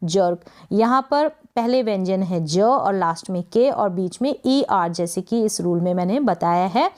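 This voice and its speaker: A woman teaching English pronunciation in Hindi, patiently repeating each word and asking quick check questions. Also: medium pitch, animated. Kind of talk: spoken lesson.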